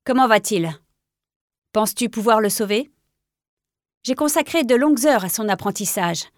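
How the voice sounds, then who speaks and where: A woman's voice: expressive, moderate pace, dry recording, clean studio sound, close to an everyday voice. A woman voicing a stern, imposing male warrior cat in a storybook reading, brusque and commanding. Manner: brusque, then silky and low.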